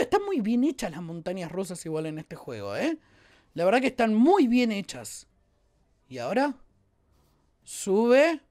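A woman with a Rioplatense Spanish accent doing excitable let's play commentary as a gaming YouTuber, exclaiming and joking at the viewers. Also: fairly high pitch.

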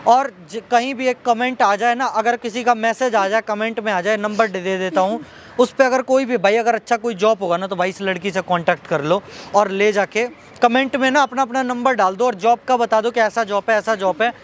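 A man's voice: high-pitched, brisk, a little hiss or hum. A man appealing to viewers for help, pleading and repeating himself, and soothing when someone cries. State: unwell. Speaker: vlogger helping a young woman.

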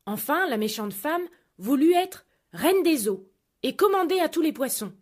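A woman narrating a children's fairy tale in a clear, measured, expressive way. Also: high-pitched. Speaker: storyteller.

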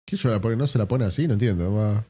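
A man with an Argentine accent giving casual reaction commentary as a streamer, with quick offhand slangy remarks and frequent laughter. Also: on the low side, dark tone, soft background music. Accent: Argentine Spanish.

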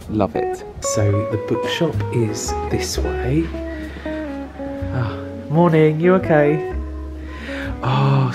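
A young English-accented man, a travel vlogger, chats enthusiastically to a camera held at arm's length as he wanders castle grounds and parkland, with a stop inside a shop. His voice is on the low side, and music plays behind him.

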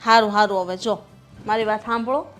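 An actress playing a mother-in-law who scolds and tries to calm her two quarrelling daughters-in-law. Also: medium pitch, fairly quick, soft background music, lightly acted. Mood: exasperated. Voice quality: scolding, exasperated. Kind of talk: village family drama acting.

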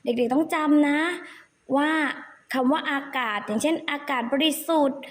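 A woman teacher who gently and patiently spells words out sound by sound for young children. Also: high voice, normal speed. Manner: addresses children fondly, often adding polite particles. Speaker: primary school teacher. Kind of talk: slow spelling drill for children.

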